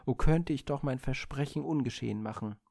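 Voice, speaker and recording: A man voicing the sun god Helios, a mighty fatherly deity who speaks slowly and solemnly in a storybook reading. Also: mid-range voice, creaky, mellow, dry recording, studio quality, close to an everyday voice. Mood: regretful.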